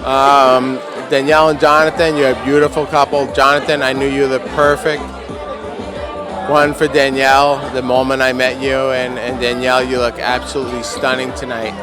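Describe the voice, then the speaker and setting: A man's voice: medium pitch, little pitch movement, normal speed. A man giving a hesitant, jokey wedding toast at a party. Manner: hesitant, jokey, self-boasting. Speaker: wedding guest. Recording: music and crowd behind.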